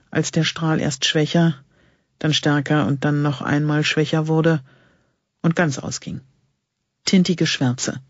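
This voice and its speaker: A man reads an audiobook with steady, suspenseful narration. His voice is husky and somewhat high. The recording is dry and a little dull and lo-fi. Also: dry recording. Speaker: audiobook reader. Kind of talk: scripted narration.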